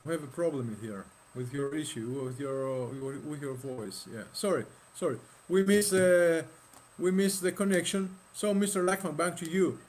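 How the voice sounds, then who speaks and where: A man with a notably high voice hosts an online panel over a video call. He talks haltingly, restarting and repeating himself and filling gaps with "uh". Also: a little mellow. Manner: halting, repeats words, many fillers. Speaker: host.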